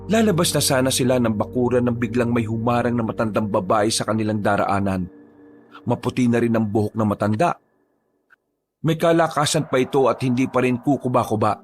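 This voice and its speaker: A man tells a horror story in a steady, measured voice of ordinary pitch. Faint music plays beneath his narration.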